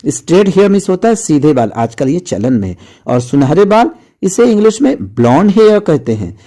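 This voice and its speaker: A man's voice: fairly high pitch, sing-song, moderate pace, warm tone. A man teaching English vocabulary in Hindi, patiently repeating each word with its meaning and addressing viewers as friends. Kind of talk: explaining vocabulary lesson in Hindi.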